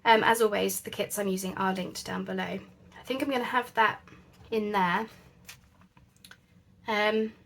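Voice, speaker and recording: Casting note: woman, crafting host, relaxed rambling chat with a gravelly edge and faint background noise. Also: mid-range voice, unhurried. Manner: chatty, thinks aloud with many fillers.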